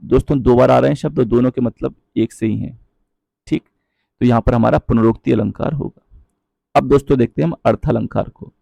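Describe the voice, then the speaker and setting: A man teaching a Hindi grammar lesson, explaining patiently, checking in with his viewers often and reciting verse lines slowly. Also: mid-range voice, creaky, warm tone, no room sound, lo-fi sound. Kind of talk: online exam-prep lesson.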